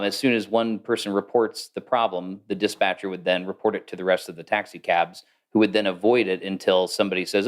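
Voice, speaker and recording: Low-voiced man explaining AI. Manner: thoughtful, explanatory, with fillers. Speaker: guest, AI consultant. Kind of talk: casual interview talk.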